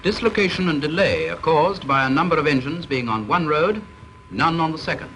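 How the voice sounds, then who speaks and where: A British-accented man delivers a training film's formal scripted narration in a measured, instructive, stern way. His voice is on the high side, bright and forceful, on a vintage, low-quality soundtrack with faint hiss.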